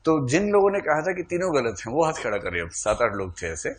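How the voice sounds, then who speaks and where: A man's voice: medium pitch, big pitch swings, brisk. A man teaching a classroom lecture, quizzing his students, calling for shows of hands and teasing them playfully.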